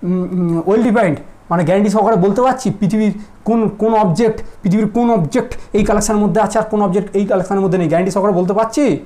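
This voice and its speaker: A man's voice: high voice, fast, dark tone. A man teaching math in a casual classroom lecture, teasing his students and constantly asking if they follow. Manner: teasing, asks students constant check questions. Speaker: mathematics teacher.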